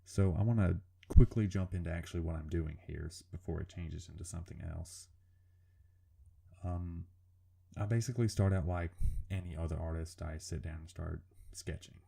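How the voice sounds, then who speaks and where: A man with a low, gravelly, very dark voice, reminiscent of a serial killer, talks through his drawing video at a normal speed. The narration is informal, hesitant and self-critical, and his wording is casual and full of swearing.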